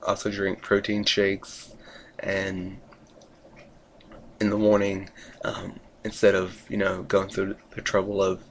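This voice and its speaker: Low, monotone man with gravelly fry. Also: slight background noise. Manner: rambling, hesitant, trailing off. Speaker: vlogger giving a recovery update. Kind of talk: casual video diary.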